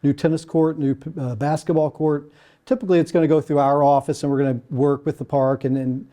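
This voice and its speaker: A man's voice: on the high side, little pitch movement, fairly quick, dark tone. A middle-aged man from Kentucky, a landscape architect, talking casually in an interview with many fillers and restarts.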